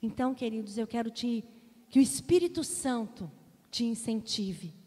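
A woman's voice: fairly high pitch, normal speed, breathy edge. Brazilian woman pastor preaching in a reverberant hall. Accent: Brazilian Portuguese. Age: 40s. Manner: animated storytelling, addresses congregation directly. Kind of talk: sermon with personal story. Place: church hall.

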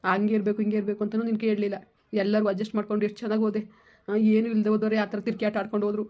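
Fast, flat-voiced man. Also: high-pitched. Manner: earnest, lamenting. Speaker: husband in a family vlog. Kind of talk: casual heartfelt family talk.

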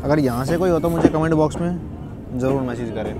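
A travel vlogger chats casually to his viewers, calling them brothers, as he films on a crowded train and busy station platforms. His voice is a little high and fairly quick. Loud crowd and train noise dominate the recording.

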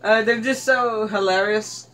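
A young man chatting and laughing excitedly while playing a video game with a friend. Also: high-pitched, a little slow. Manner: giggly, excitable, squeals on surprises. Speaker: gamer. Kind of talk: casual gameplay chat.

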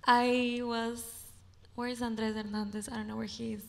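A woman's voice: a little high, little pitch movement, moderate pace, vocal fry. A woman from Ecuador, an audience member asking a long, earnest question full of hesitations. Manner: earnest, hesitant, many "you know" and "like". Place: large auditorium audience. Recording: hall reverb in a large auditorium.

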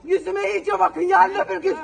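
A woman in her forties, distraught and tearful, shouting and sobbing in protest outside a courthouse. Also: very high voice, fairly even intonation, normal speed, creaky. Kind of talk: street protest outburst. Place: outdoors in front of a courthouse. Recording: noisy crowd around her.

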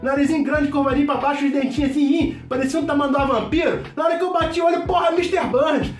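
An actor playing a loud, brash middle-aged mechanic with a Carioca accent, who shouts, swears constantly and rambles in a comedy sketch. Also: male voice, extremely high pitch, fairly even intonation, fast talker. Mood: boisterous. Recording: echoey room, distant mic, faint music.

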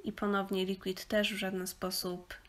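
A young woman from Poland explaining craft materials in a casual tutorial voice-over, often pausing on small fillers as she goes. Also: medium pitch, little pitch movement.

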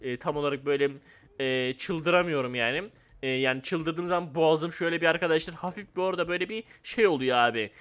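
A young man giving casual, excitable gameplay commentary, often laughing and teasing other players. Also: on the high side, fast talker, clear, resonant tone. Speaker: gaming YouTuber.

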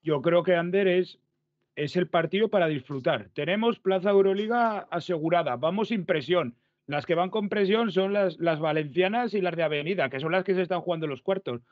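A man's voice: high-pitched, normal speed, no echo. A man on a sports talk panel giving upbeat, confident opinions. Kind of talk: casual sports talk show. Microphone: video call. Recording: dry, dull video call audio.

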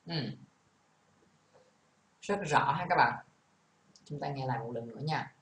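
A man's voice: medium pitch, measured pace, a bit bright. A male English teacher with a Vietnamese accent, explaining a lesson patiently and mixing English examples into his talk. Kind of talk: classroom lesson. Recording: echoey room, faint background noise.

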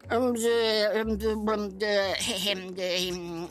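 A woman's voice: mid-range voice, little pitch movement, extremely slow, faint music behind. A woman voicing a timid male servant in a storybook reading, mumbling and hesitating with many ehms. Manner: mumbling, hesitant, full of ehm. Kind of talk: storybook read-aloud.

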